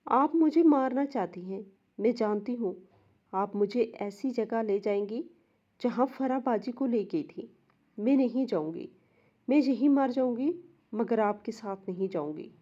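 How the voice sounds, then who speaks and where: A woman's voice: a little high, lively intonation, warm tone, dull audio. A woman voicing a frightened young pregnant woman in labor who cries out in desperate pleas.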